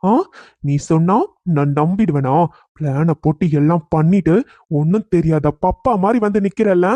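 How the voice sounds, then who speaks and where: A man's voice: on the high side, moderate pace, dark tone, no echo, close to an everyday voice. A man voicing an angry, humiliated young husband in a cartoon story, bitterly accusing his new bride.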